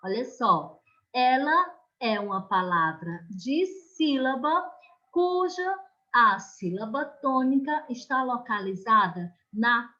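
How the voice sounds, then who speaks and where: A Brazilian woman teaching an online class, explaining slowly and patiently and often checking that the children follow. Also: on the high side, a bit bright, lo-fi sound. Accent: Brazilian Portuguese.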